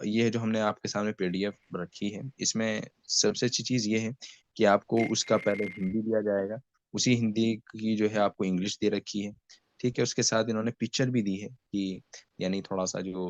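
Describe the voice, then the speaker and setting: A man teaching beginners Arabic in an online class, speaking with an Indian accent and patiently having students repeat words after him while fasting with a headache. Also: on the low side, dry recording. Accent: Indian Hindi-Urdu. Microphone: video call. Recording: dull lo-fi video call audio.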